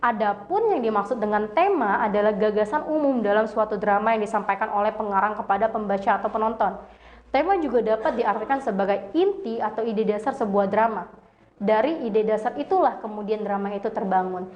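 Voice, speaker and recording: A woman's voice: mid-range voice, fairly quick. A woman reading a lesson aloud, with frequent slips and self-corrections. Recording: dull lo-fi recording.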